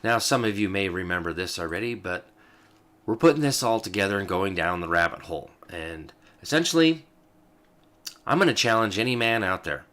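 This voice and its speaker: A man's voice: on the low side, bright, forceful tone. A man hosting a show, reading old legal texts aloud and explaining them with fillers and asides. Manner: talks as he reads, with fillers and asides. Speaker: host.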